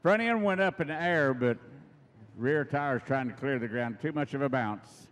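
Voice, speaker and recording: A man's voice: mid-range voice, moderate pace, slight background noise. A middle-aged American man giving live event commentary as a tractor pull announcer in a folksy, emphatic way, repeating himself for effect.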